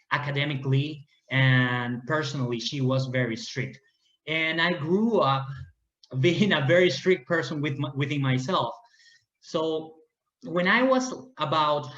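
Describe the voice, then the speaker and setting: A man's voice: medium pitch, a bit bright. Peruvian man talking earnestly in a roomy echo. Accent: Peruvian Spanish. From Peru. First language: Spanish. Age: 30s. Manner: earnest, with restarts and searching for words. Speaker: guest. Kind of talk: casual interview talk. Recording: roomy, dull lo-fi audio.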